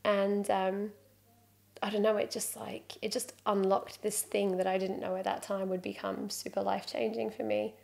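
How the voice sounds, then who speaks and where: On a studio sofa with a plain wall behind her, a British woman in her thirties, who instructs freediving, tells her story as a podcast guest with self-mocking humor, close to a desk microphone and wearing headphones. The interview is relaxed; her mid-range voice is creaky and darkish, delivered flatly at normal speed.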